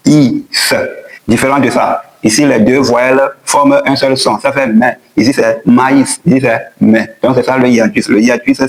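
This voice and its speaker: A man teaching a spoken language lesson, patiently repeating each point and sounding out letters slowly. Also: mid-range voice, poor audio.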